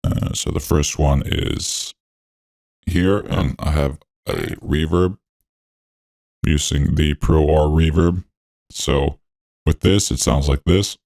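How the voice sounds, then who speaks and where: A man talking through a voice changer that deepens his voice. He hosts a music production tutorial, narrating each step in a laid-back, technical way with frequent fillers. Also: fairly even intonation, takes it slowly, creaky, long pauses, a little mellow. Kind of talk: walkthrough narration over a screen recording.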